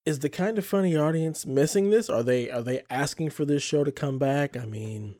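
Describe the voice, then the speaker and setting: A man hosting a casual podcast chat in a relaxed, upbeat way. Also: fairly high pitch, normal speed. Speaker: podcast host.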